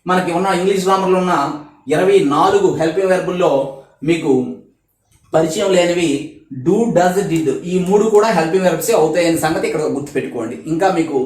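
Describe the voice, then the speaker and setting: A man's voice: high-pitched, quick pace, a little mellow, roomy sound. A male teacher with a Telugu accent giving a video grammar lesson, drilling each rule step by step and asking and answering his own questions.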